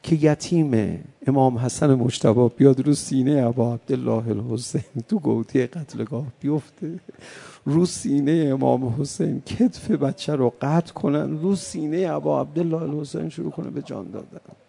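A man preaching an impassioned mourning sermon, moving from soft pleading to loud cries. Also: mid-range voice, creaky, slightly rough.

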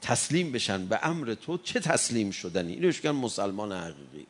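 A man preaching a sermon, reciting Arabic verses and swinging between hushed, intimate passages and impassioned rises. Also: fairly low pitch, very animated.

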